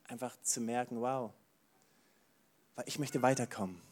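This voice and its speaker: An animated male pastor delivering a sermon in a mid-range voice. He drops to quiet, soft asides and then rises into loud, excited exclamations. He keeps breaking in with enthusiastic "wow"s. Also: medium pitch, measured pace. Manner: says "wow" often.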